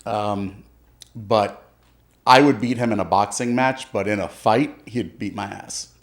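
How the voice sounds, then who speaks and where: A middle-aged man from Florida, a podcast guest telling his story in a soft, humble way with many fillers. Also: on the low side, unhurried, gravelly. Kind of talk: casual interview chat.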